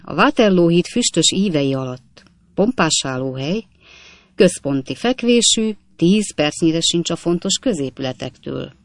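A narrator voicing a cheerful, witty young manservant in an audiobook, chatting in a folksy, gravelly tone. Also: medium pitch, dry recording, close to an everyday voice.

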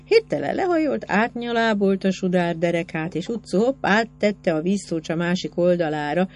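A woman narrating a novel in an expressive literary reading, with lively rises in pitch. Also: faint music behind. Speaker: audiobook narrator.

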